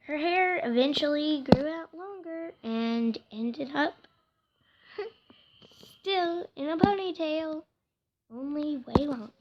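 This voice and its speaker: A woman casually tells a home-made story in a soft, hesitant voice that often drops into a whisper, with faint noise in the background. Her voice sits high and is expressive, her pace is slow, and the audio sounds dull.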